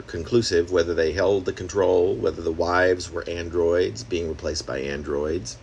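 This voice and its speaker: A man with a low voice reads his own experimental prose poem, his tone wry and conversational as he drops in asides and rhetorical questions. There's a little hiss or hum on the recording.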